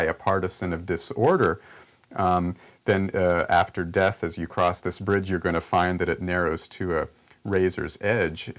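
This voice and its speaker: A man interviewed as a scholar, explaining ideas with small hesitations. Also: low-pitched.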